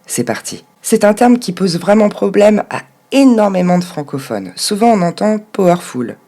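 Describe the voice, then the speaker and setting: A woman teaching English pronunciation, speaking clearly and modelling words slowly, syllable by syllable. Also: medium pitch, sing-song, warm tone, soft background music. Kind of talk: pronunciation lesson.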